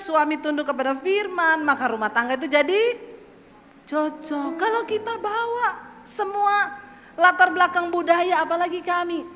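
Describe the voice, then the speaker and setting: A woman pastor from Sulawesi with a Sulawesi accent, giving a lively testimony sermon full of acted voices. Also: very high-pitched, big-room sound. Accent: Sulawesi Indonesian. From Sulawesi, Indonesia. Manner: lively storytelling with shifting voices.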